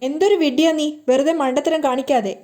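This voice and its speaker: A woman's voice: sits high, fairly even intonation, fast talker, mellow, close to an everyday voice. A woman voicing a firm young female friend who scolds and advises in a serial recap, close to her own voice. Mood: scolding.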